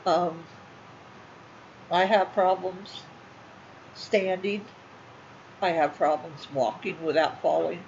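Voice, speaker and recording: A middle-aged woman, talking casually and emotionally to her viewers, halting and repeating herself. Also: fairly low pitch, fairly even intonation, vocal fry, a little mellow. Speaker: channel host. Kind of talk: casual talk to livestream viewers. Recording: slightly muffled with faint room noise.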